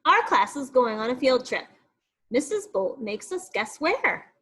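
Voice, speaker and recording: A woman teacher reads a nonfiction book aloud to young children, explaining things expressively and turning aside to talk to her pupils. Her voice sits high, moves a little slowly, and has a slight roughness.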